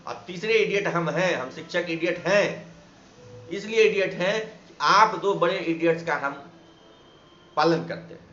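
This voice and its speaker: A man's voice: high-pitched, measured pace, pushed and bright. A man from Bihar, a teacher, giving an impassioned monologue full of indignant rhetorical questions. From Bihar, India. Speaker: teacher and activist. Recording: echoey room, slightly dull sound, faint background noise.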